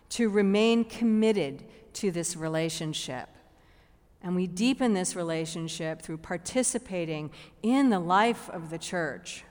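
A woman priest giving a sermon in an unhurried way, often repeating a word as she restarts. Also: medium pitch. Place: church. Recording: church with long reverb.

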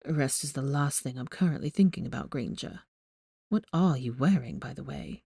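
Lady reading plays a hurt young wizard guy, hoarse and tired, low quiet teasing. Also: animated, moderate pace, no echo, clean studio sound, heavily acted.

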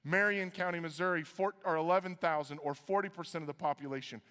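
A man's voice: fast, smooth. A man from Iowa preaching a sermon as pastor, conversational with joking asides. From Iowa, USA. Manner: conversational, joking asides, lively swings in pitch. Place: church auditorium. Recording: reverberant church hall.

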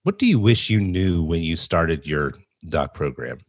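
Lively male podcast host. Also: deep voice, a little slow, no echo, studio quality. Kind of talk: podcast intro and interview.

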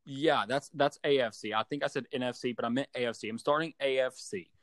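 A man's voice: medium pitch, fairly quick, fairly bright tone, no room sound, clean studio sound. A young man in a casual sports voice chat over a phone, giving opinions in a teasing, mock-serious way. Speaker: sports podcast co-host. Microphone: remote voice chat call on a phone.

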